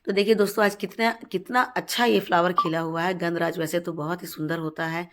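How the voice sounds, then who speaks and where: A gardening channel host, her voice heavy and stuffed up from a cold, gives a casual tutorial outdoors on her home terrace garden. She chats along, repeating words and pausing often on fillers, in a fairly low pitch with fairly even intonation.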